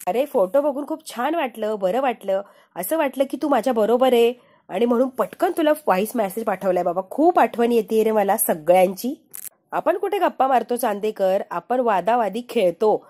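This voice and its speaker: A woman's voice: a little high, expressive, moderate pace, dark tone. A woman voicing an affectionate young wife in a chatty, fond manner.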